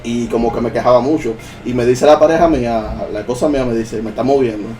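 A man in casual chat telling a paranormal experience in lively storytelling. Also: mid-range voice, quick pace, a little hiss or hum. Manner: animated, acts out his own dialogue. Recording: distant mic with faint music.

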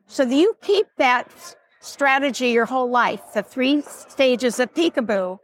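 A woman's voice: high voice, lively intonation, measured pace. An older woman, a grandparent and author, answering interview questions in a teacherly, explanatory way. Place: event floor at a toy show.

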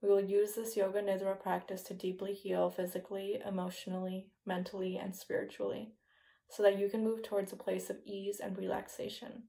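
Woman, slow hypnotic meditation guide, soothing, very even pitch, gravelly fry, soft phrase endings. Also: low-quality recording. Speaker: yoga nidra meditation guide. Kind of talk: guided meditation, scripted relaxation narration.

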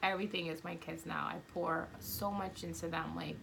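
A woman's voice: lowish voice, fairly even intonation, moderate pace, gravelly, background noise. A woman from Guyana in her thirties, talking candidly and rambling with lots of fillers in a casual podcast chat.

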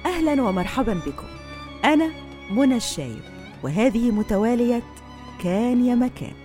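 A woman telling a folk tale as a host, in an expressive fireside storytelling manner. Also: medium pitch. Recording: music under the voice.

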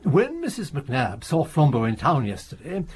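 An actor playing an elderly retired detective in a radio drama, precise and lofty, who lays out deductions with a chuckle. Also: male voice, fairly high pitch, wildly swooping pitch, moderate pace, a little hiss or hum. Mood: genial. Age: older. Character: elderly retired detective, brilliant, vain and untidy.

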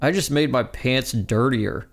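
A man voicing a dim-witted, crude teenage boy with a dopey, drawn-out delivery. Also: mid-range voice, soft background music, close to an everyday voice.

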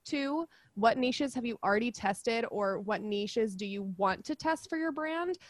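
A woman's voice: fairly high pitch, lively intonation, measured pace, no room sound. A young woman co-hosting a podcast, chatting casually and giggly, full of fillers and laughter. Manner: bubbly, giggly, lots of fillers. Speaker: podcast co-host.

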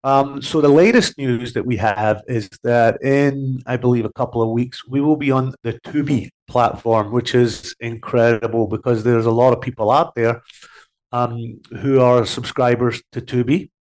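A TV series host, appearing as a guest on a casual radio interview, has a head cold and sounds congested, rambling with many fillers. His mid-range, slightly mellow voice has fairly even intonation at a moderate pace, and the audio quality is poor.

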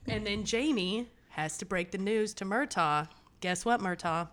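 A woman's voice: mid-range voice, unhurried. Chatty swearing woman podcast host. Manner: chatty, swearing, laughing often. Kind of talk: casual recap chat.

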